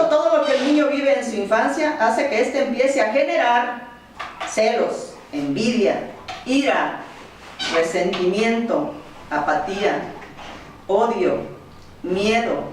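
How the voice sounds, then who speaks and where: A woman giving a lecture to an audience, speaking slowly and emphatically as she lists one point after another. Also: on the high side, a little hiss or hum. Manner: slow, emphatic delivery of long lists. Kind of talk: motivational lecture. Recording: very echoey hall, from far off.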